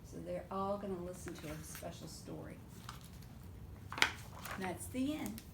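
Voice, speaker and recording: Reading a story aloud to preschoolers, a woman adds simple explanations and asks the children questions. She has a lowish, animated voice with vocal fry and an unhurried pace. There's a roomy echo in the recording, along with faint background noise.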